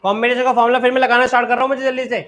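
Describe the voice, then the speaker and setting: A man's voice: very high voice, little pitch movement, rapid-fire, fairly bright tone. A man teaching a live online maths class, often checking that his students follow and urging them to keep studying.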